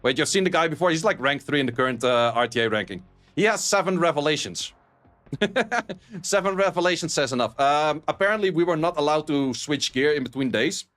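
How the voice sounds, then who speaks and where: Reading his viewers' messages in casual live-stream chat, a Dutch-accented man from the Netherlands, who works as a streamer and esports caster, is blunt, sweary, and quick to laugh. His voice is fairly high and fairly bright, animated and a little fast, over faint music.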